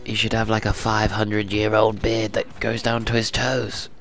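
A man's voice: on the low side, completely flat delivery, moderate pace, a bit bright. A man giving casual, jokey gameplay commentary in short slangy quips, echoing the game's dialogue. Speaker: gamer commentator. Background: video game music and dialogue.

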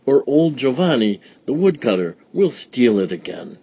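A man's voice: medium pitch, sing-song, normal speed, dark tone, breathy edge, lo-fi sound, voice pushed up. A man voicing a poor old village woman in a storybook, eager and pleading, a little breathless. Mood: anxious.

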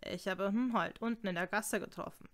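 A woman's voice: medium pitch, a little fast, close to an everyday voice. A woman reading the lines of a townsman in a plain, reporting manner, in an audiobook. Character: townsman bringing the bailiff.

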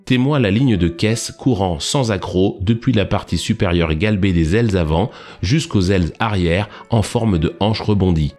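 A man giving formal, carefully scripted narration with literary phrasing, read at an even pace. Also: low voice, moderate pace. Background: faint background music.

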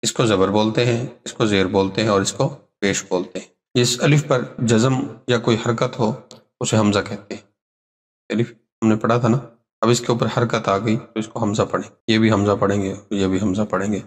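A man teaching Quran letter reading, chanting letter names slowly and drawn out, then explaining briskly in plain talk. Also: on the low side, fairly even intonation. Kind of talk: slow recitation lesson with quick explanations.

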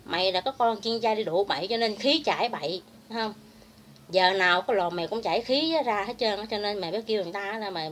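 A woman's voice: mid-range voice, a little hiss or hum. Furious woman ranting. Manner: heated, crude, insulting. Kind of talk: angry vlog rant.

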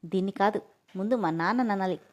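A woman's voice: medium pitch, brisk, lightly acted. A woman voicing a strict, bossy teenage boy who scolds and mocks. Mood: scolding. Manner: scolding, mocking.

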